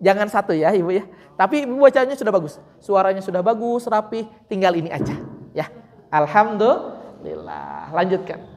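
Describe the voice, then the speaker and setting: A woman teaching Quran recitation, patiently correcting a student and slowly demonstrating sounds. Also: medium pitch, a little mellow, big-room sound. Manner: drawn-out chanted example words. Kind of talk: online recitation correction lesson.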